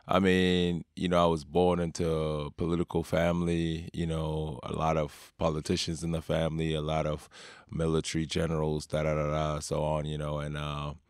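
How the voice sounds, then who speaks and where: A man in his thirties from Sudan, a basketball player, talking in a relaxed, unhurried way with drawn-out fillers in a studio. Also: a bass voice, clear, resonant tone, no echo. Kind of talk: casual interview talk. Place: home studio with guitars and keyboards. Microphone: studio mic with headphones.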